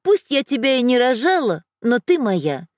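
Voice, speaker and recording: Brief: woman reading as firm middle-aged mother, scolding yet tender, lively voice, dry sound. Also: fairly high pitch, normal speed, no echo.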